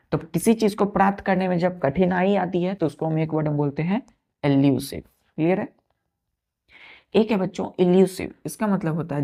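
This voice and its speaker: A woman's voice: low voice, creaky, warm tone. A woman teacher giving an exam-prep vocabulary lesson, spelling words letter by letter and often checking that students follow.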